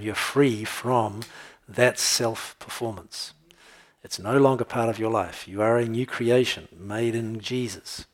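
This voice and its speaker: A man preaching a conversational sermon, telling jokes and checking in with his listeners as he goes. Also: mid-range voice. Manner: conversational, tells jokes and laughs, checks in with "okay?". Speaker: pastor.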